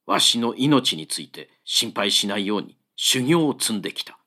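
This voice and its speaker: A man's voice: lowish voice, normal speed, pitched below the performer's own voice. A man voicing a fearless wandering monk who speaks cheerfully and steadily in an old-fashioned way. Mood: serene. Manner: cheerful, steady, archaic speech.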